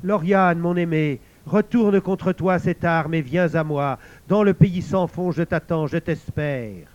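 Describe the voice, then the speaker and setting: A man's voice: fairly high pitch, slow pace, a little mellow, dry recording, muffled recording, pitched above the performer's own voice. A man voicing the enchanted voice of a beheaded young lover, pleading and drawn out. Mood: yearning plea.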